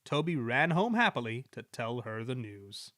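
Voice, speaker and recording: Lively-voiced man narrating a story. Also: medium pitch, normal speed, no room sound, studio quality. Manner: expressive storytelling delivery. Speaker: storybook reader. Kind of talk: scripted narration of a children's story.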